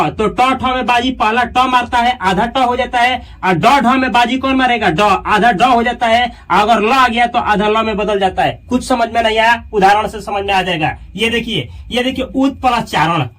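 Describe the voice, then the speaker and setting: High-voiced male teacher, slightly distant. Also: fairly bright tone. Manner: repetitive, explains step by step with frequent "dekhiye". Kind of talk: blackboard grammar lesson.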